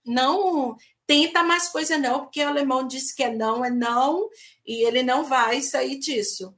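Firm, high-voiced woman. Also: moderate pace, a bit bright. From Northeastern Brazil. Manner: firm and emphatic, blunt statements. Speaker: discussion panelist. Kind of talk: casual discussion.

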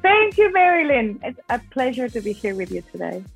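A woman from Argentina with a strong Argentine Spanish accent, a guest on a podcast interview who talks fast and tells her story with energy. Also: fairly high pitch, creaky, husky, faint music behind. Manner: fast-talking, animated storyteller. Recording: tinny phone-line audio.

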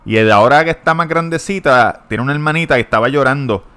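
A man's voice: medium pitch, fast, bright, forceful tone, clean tone. A man, co-hosting a podcast in casual chat, blunt, crude and joking. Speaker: podcast co-host.

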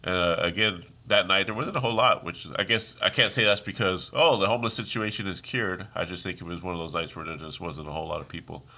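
Congested and sniffling, a man hosting a casual solo podcast launches into a heated, rambling rant, trailing off and restarting repeatedly. His low, creaky voice has a sharp edge, and he talks fast with hardly any pauses.

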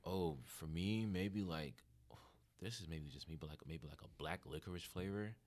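A man's voice: low voice, moderate pace, a little mellow. A man co-hosting a podcast in casual banter with friends, slangy and swearing freely. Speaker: podcast co-host.

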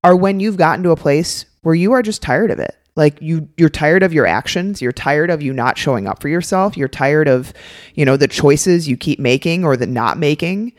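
A woman's voice: low voice, lively intonation, normal speed, no echo, studio quality. A woman co-hosting a nutrition podcast in casual, ad-lib talk. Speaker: podcast co-host, nutrition educator.

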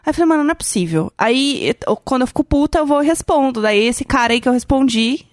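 A woman's voice: sits high, expressive, fast talker, dry recording, clean studio sound. A Brazilian woman co-hosting a podcast, telling a story in a chatty, casual way, full of fillers and the odd swear word. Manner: chatty, lots of fillers, swears when annoyed. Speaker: podcast co-host.

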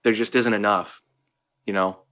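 A man's voice: on the low side, steady tone, moderate pace, a bit bright. Rambling man chatting on a podcast. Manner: rambling, many restarts. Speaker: podcast co-host. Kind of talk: casual chat.

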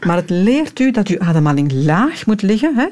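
A woman with a Flemish accent, a voice coach guest explaining calmly in a radio studio. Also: medium pitch, moderate pace, crowd noise. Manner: calm, explanatory, gently correcting.

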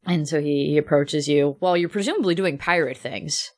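A woman playing in a tabletop role-playing game, chatting quickly and laughing, now and then slipping into pirate talk. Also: low voice, a little mellow. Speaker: player. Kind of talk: tabletop role-play banter.

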